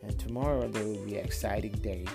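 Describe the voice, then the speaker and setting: A man in his late twenties with a Kashmiri accent, talking casually and haltingly as a podcast host, often repeating words, recorded on a phone. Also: lowish voice, steady tone, vocal fry, loud music behind the voice. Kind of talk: casual personal monologue.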